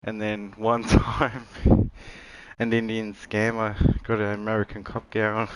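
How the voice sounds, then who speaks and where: Unhurried low-voiced male game streamer. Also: completely flat delivery, clear, resonant tone, rough recording. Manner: joking, chuckles between stories. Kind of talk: casual live-stream chat.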